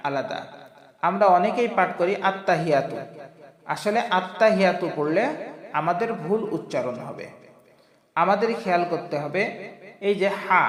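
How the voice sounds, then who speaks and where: A man teaching a slow recitation lesson, patiently repeating phrases and stretching out the vowels. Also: high-pitched. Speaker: religious teacher. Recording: echoey room with long reverb.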